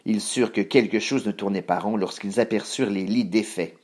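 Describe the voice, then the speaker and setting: A man reading a children's story aloud in a measured, expressive way. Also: on the low side.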